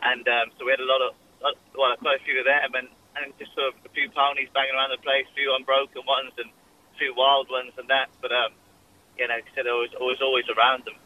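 A man's voice: mid-range voice, level tone, fast talker, dull audio, slight background noise. A young Welsh man chatting casually in a radio interview, full of fillers and restarts. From Wales. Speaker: jockey guest.

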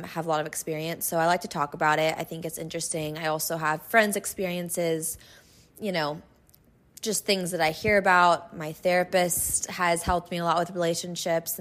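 Hoarse young woman podcaster, chatty. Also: lowish voice, a bit bright. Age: 20s. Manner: rambling, lots of likes and ums. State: hoarse from being sick. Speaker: podcast host. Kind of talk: casual chat, advice podcast.

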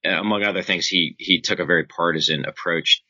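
A low-pitched man answers interview questions in a measured, scholarly way, pausing often mid-thought. His tone is strikingly crisp-edged and forceful, on a dry but slightly dull recording. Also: fairly even intonation, dry recording. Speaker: interviewed author and foreign policy scholar.

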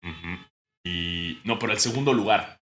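Man, Mexican accent, young adult, podcast co-host, casual joking chat, bright tone. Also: low voice, moderate pace. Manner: joking, bursts into mock shouting.

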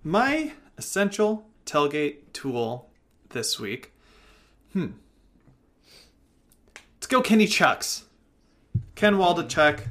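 Man, podcast co-host, casual sports chat, bright voice, excitable, swears freely. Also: mid-range voice. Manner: loose and profane, excitable.

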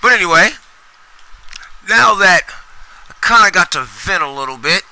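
Profane, high-voiced ranting podcast man. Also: lively intonation, normal speed, sharp tone, no echo, rough recording. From Sacramento, US. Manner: profane, rambling, emphatic with repetitions. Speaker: podcast host. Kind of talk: solo podcast rant.

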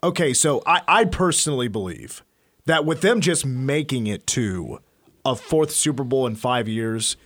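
A man's voice: mid-range voice, expressive, measured pace, fairly bright tone, no echo. An American man hosting sports radio, switching between casual talk and punchy promo reads. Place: radio studio. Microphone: close studio mic.

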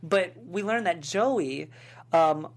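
A woman's voice: on the low side, expressive, slow pace. A woman co-hosting a podcast, chatting casually and leading the discussion with questions. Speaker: podcast co-host. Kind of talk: casual chat.

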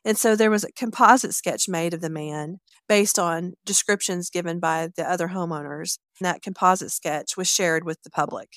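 A woman's voice: on the low side, normal speed, few pauses, a bit bright, no room sound, clean studio sound. A woman co-hosting a true crime podcast, giving chatty reactions and blunt asides in casual talk. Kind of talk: casual chat.

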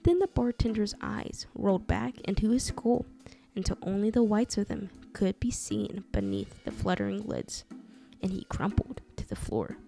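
A woman reading a dark folk tale aloud in a measured, dramatic storytelling style. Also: mid-range voice, sing-song, gravelly. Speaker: narrator. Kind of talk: scripted storytelling narration. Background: soft music.

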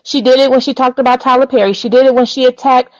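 High-pitched woman on a phone call-in, dry dull sound, blunt and opinionated. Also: fairly even intonation, quick pace, no echo. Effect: over a phone-quality call. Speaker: caller.

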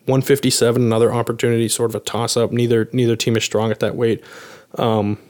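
A man's voice: medium pitch, little pitch movement, quick pace, darkish tone. A man co-hosting a sports podcast, breaking down results analytically with frequent "um" and "you know" fillers. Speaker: podcast co-host.

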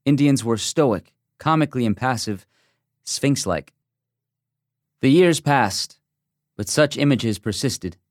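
A man reads a first-person magazine essay in a measured, reflective way. His voice sits in an ordinary middle register. The recording is close and dry, with no room sound. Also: mid-range voice, no echo. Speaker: essay reader. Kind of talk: scripted narration of a magazine essay.

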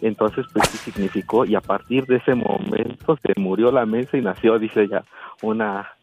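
A man with a Mexican accent and a low voice recounts a friend's story in gossipy fashion. Music is clearly audible behind him throughout. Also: fairly even intonation, normal speed, highs cut off. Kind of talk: storytelling on radio.

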